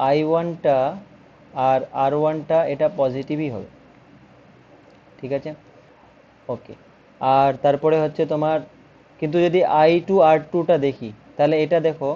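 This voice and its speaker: A man's voice: on the high side, muffled recording. A man with a Bengali accent teaching a physics lesson, patiently explaining step by step.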